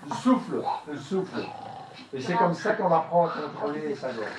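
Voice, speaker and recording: Brief: male voice coach leading a class, high animated delivery, roomy theater sound from afar. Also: moderate pace, very noisy. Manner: demonstrates sounds with sweeping pitch leaps, mixes in English. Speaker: voice workshop teacher. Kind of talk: leading a voice workshop. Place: theater hall. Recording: echoey hall, voice from far off.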